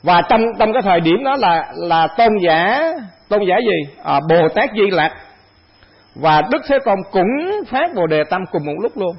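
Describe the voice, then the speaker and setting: A Buddhist monk addresses a monastic assembly in a dharma talk, his high male voice gravelly and husky, his delivery animated yet a little slow. He talks conversationally, repeating phrases and raising rhetorical questions that he then answers, and the recording is dull and lo-fi.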